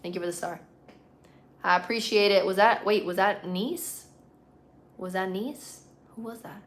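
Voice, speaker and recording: A woman's voice: mid-range voice, steady tone, unhurried, slight background noise. Casual Puerto Rican woman livestreamer. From Puerto Rico. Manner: informal, slangy, playful. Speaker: livestream host. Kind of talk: casual live-stream chat answering viewer comments.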